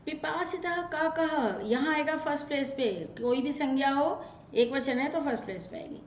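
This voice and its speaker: A woman teacher runs a brisk, drilling grammar lesson, rattling off verb forms. Her voice sits fairly high. It sounds roomy and a little dull and lo-fi. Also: a little hiss or hum. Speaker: Sanskrit teacher.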